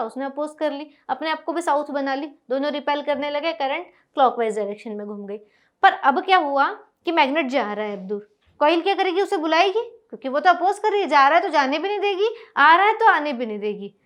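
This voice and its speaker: A woman teaching a school science lesson, explaining step by step and often asking whether it is clear. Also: sits high. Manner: explains step by step, asks checking questions. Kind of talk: classroom lecture on a whiteboard.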